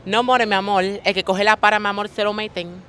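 A woman's voice: mid-range voice, fairly even intonation, fairly quick, a bit bright, clean tone. A woman with a Dominican accent, talking flamboyantly in a casual street interview and calling everyone "mi amor".

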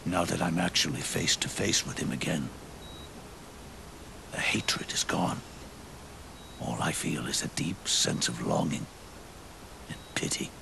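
Whispering in full character voice, an older man plays a weary, scarred, aging soldier in a video game cutscene while orchestral music plays. He sounds grave, reflective, wistful and pitying, his deep, gravelly, breathy growl unfolding in a slow, halting, solemn way.

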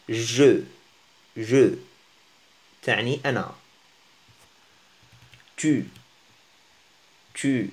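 A man who is not a native Arabic speaker teaching a French lesson, often pausing and searching for words. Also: fairly low pitch. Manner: halting, searching for words, self-deprecating. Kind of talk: casual language lesson.

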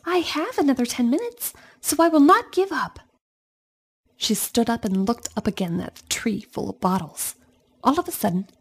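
A woman reading a children's storybook aloud in an expressive storytelling manner, speaking to young listeners. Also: medium pitch, vocal fry, breathy edge. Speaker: storybook reader.

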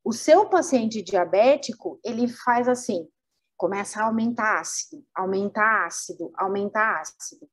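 A woman's voice: medium pitch, normal speed. A woman with a Brazilian Portuguese accent giving a webinar lecture, teaching through rhetorical questions and acting out organs.

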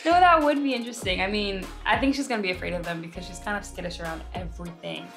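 A woman's voice: medium pitch, fast, fairly bright tone, soft background music. A young woman chatting casually to camera beside her partner in a bedroom, laughing easily and stretching her words. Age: young adult. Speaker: vlogger co-host. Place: bedroom, indoors. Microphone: camera held close at arm's length.

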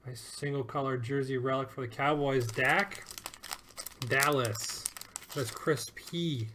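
A man's voice: medium pitch, steady tone, slow, noisy background. A man hosting a live sports card break, upbeat and joking as he calls out each card and who it goes to.

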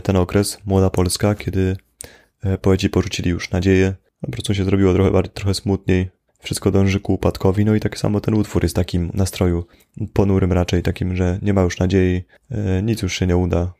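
A man's voice: low voice, vocal fry, warm tone. A young man casually explaining a poem in an informal literature lesson, hesitating often as he talks. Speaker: poetry explainer.

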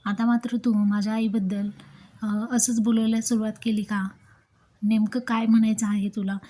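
A woman's voice: on the high side, level tone, moderate pace, warm tone, lightly acted. A woman reading the lines of an angry young husband in a TV serial recap. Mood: accusing. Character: angry young husband shouting at his wife.

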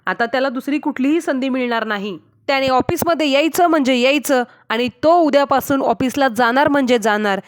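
A woman's voice: high voice, a little fast, few pauses, natural voice. A woman reading the lines of a stern, angry father laying down the law. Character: stern angry family patriarch.

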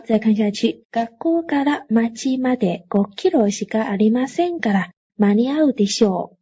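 A woman's voice: mid-range voice, dark tone, breathy edge, dull audio. A woman teaching a classroom grammar lecture, reading example sentences aloud and then explaining them patiently for students. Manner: explains patiently, reads Japanese lines then translates. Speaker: Japanese language teacher.

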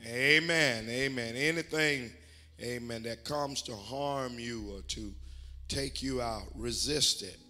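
A man's voice: mid-range voice, fairly even intonation, slow pace, pushed and bright. An older man preaching a sermon as bishop in a church, folksy and full of amens, building to emphatic exhortation. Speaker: bishop and pastor. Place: church sanctuary.

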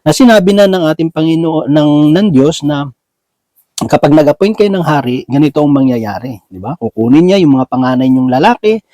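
A man's voice: a little high, animated, a little fast, warm tone, no echo, poor audio. A man preaching a Bible sermon in a casual, conversational way, often asking his listeners "right?", mixing in English words, and restarting as he searches for words. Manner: mixes English words into Tagalog.

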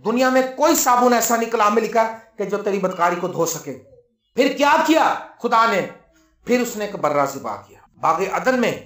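A man's voice: high-pitched, fairly bright tone, echoey room. A male pastor preaching a sermon, telling the story and acting out the dialogue. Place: church.

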